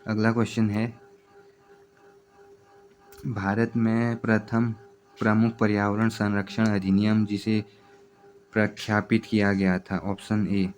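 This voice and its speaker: Flat-voiced man reading exam answers. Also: fairly low pitch. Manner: steady, repetitive question-by-question reading. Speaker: exam prep teacher.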